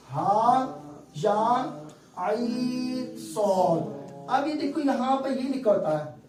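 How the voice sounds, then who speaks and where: A man's voice: very high-pitched, a little mellow, roomy sound, far from the mic, a little hiss or hum, poor audio. A male teacher giving a classroom lesson on Quran recitation, explaining step by step and quizzing his students.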